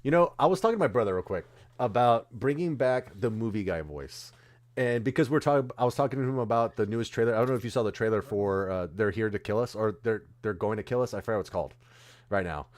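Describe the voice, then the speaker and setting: A man's voice: lowish voice, quick pace, a little mellow. Rambling male streamer chatting about movies. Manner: rambling, searches for names mid-sentence. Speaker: streamer co-host. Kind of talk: casual chat.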